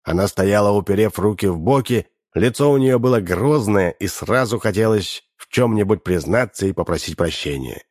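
A man with a lowish voice narrating an audiobook like a lively storyteller. The recording is dry and close, with no room sound. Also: moderate pace, few pauses, no echo.

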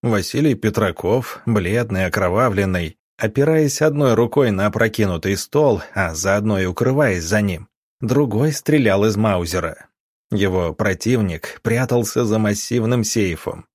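A man narrating an audiobook in a steady, measured, husky voice, recorded on a close studio mic. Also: on the low side, no room sound.

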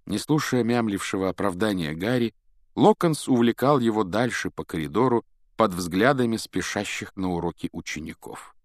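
A male audiobook narrator with a lowish voice. He tells the story in a measured, expressive way. The recording is dry and close to the mic. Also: dry recording. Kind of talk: scripted narration.

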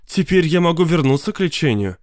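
A woman's voice: low voice, expressive, a little fast, darkish tone, no room sound, studio quality, pitched above the performer's own voice. A man voicing a pampered, hysterical wife who wails and sobs in an audiobook. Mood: plaintive. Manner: wailing, sobbing, shrieking. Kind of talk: audiobook character voice.

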